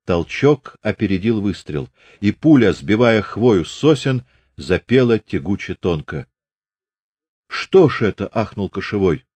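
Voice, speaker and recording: A man with a fairly low voice reads literary prose at a steady, measured pace. The recording is close and dry, with no room sound. He sounds like an audiobook narrator. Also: slightly rough, no echo.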